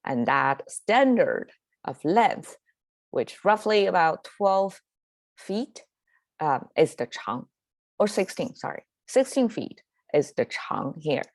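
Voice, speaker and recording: A woman's voice: lowish voice, sing-song, slow, no room sound. A woman whose first language is Mandarin, hosting a casual Chinese lesson and explaining words in English with a Chinese accent, many fillers and self-corrections. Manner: conversational, with frequent fillers and self-corrections, occasional laughs. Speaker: Chinese language teacher and podcast host.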